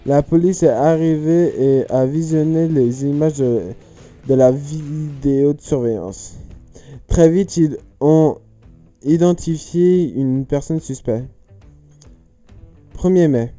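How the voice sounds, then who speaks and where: Slow, dark-voiced rambling man. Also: fairly high pitch, faint music behind. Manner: rambling, jokey, self-correcting. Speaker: youtuber. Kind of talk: casual chat solving riddles on camera.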